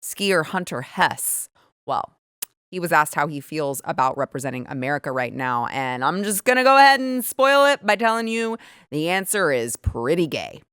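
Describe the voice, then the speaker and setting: A woman's voice: deep voice, very animated, normal speed, fairly bright tone, clean tone, no echo, studio quality. A woman hosting her own show, giving sarcastic, emphatic and indignant political commentary. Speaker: show host.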